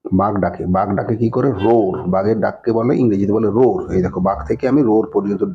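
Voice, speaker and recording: A man's voice: on the low side, steady tone, fast talker, husky. A male teacher patiently explaining a primary school textbook, spelling words letter by letter and checking in after nearly every phrase. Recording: dull lo-fi recording.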